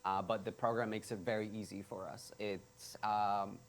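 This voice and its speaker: A man's voice: lowish voice, little pitch movement, moderate pace. Upbeat young man from Ecuador. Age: young adult. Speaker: college student. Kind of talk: casual interview talk.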